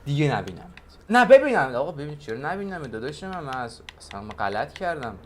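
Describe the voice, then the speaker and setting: A young man giving casual, excitable commentary while opening card packs, talking to the players on the cards and to his viewers. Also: mid-range voice, faint music behind. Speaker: gaming video creator. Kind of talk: pack-opening gameplay commentary.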